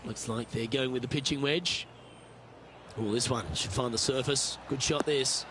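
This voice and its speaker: A man's voice: mid-range voice, fairly even intonation, normal speed, heavy background noise, natural voice. A man playing a golf commentator in a video game, calling each shot. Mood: measured, approving.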